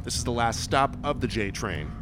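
Podcast host signing off over music. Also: male voice, medium pitch, sing-song, moderate pace. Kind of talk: scripted outro.

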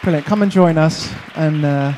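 An upbeat man hosts a casual stage interview in church, his voice sitting a little high for a man. Talk is loose and friendly, full of "yeah" and "brilliant", and it turns to spoken prayer. A long reverb trails each line in the large hall. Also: normal speed, darkish tone, a faint crowd, slight background noise. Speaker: church leader hosting an on-stage welcome.

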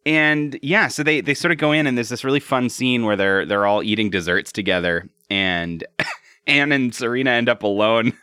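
A man's voice: mid-range voice, normal speed, bright, forceful tone, clean tone, no echo, clean studio sound. A man co-hosting a podcast, giving a casual, jokey episode recap. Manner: jokey, laughs while talking. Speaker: podcast co-host.

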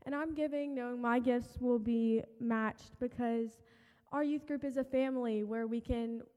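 A woman's voice: on the high side, steady tone, measured pace, dark tone. A young female youth group member giving a prepared testimonial speech to a church congregation. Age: teens to young adult. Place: large church room. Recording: reverberant church hall.

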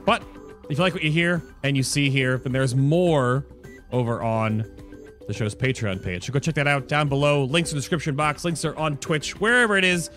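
A man with a slightly bright, higher-leaning voice speaks at a normal pace while hosting a casual gaming show. As a podcast and stream host, he chats freely, tossing in joking asides and interrupting himself, with background music playing behind him.

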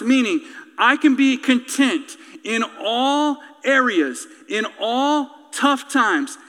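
In a reverberant hall, a man delivers an impassioned sermon full of emphatic, rhetorical, repetitive phrasing, closing in prayer. His voice is extremely high in pitch with a sharp tone.

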